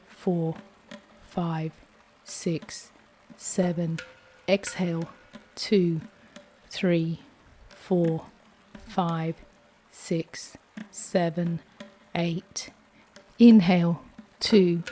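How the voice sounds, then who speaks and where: A woman guiding a breathing exercise as an instructor, counting and giving instructions in a measured way. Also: lowish voice, warm tone, a little hiss or hum. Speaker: breathwork guide.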